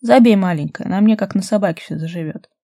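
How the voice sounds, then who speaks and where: A woman reading the lines of a tough young fighter who teases his girlfriend gruffly. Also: medium pitch, fast talker, dark tone, dry recording, studio quality, natural voice. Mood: teasing. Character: tough young man, fighter, teasing lover.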